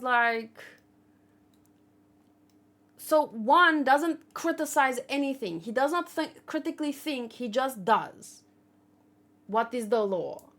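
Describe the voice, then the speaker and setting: A woman with a fairly high, fairly bright voice hosts a manga read-along channel. She rambles in an informal, casual way, thinking aloud and often second-guessing herself.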